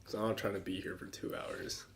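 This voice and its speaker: A man's voice: a little fast, fairly bright tone. A man joining a friend's vlog at a meal, teasing him and laughing often. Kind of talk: casual teasing chat. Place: indoors at a meal. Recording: echoey room, faint noise.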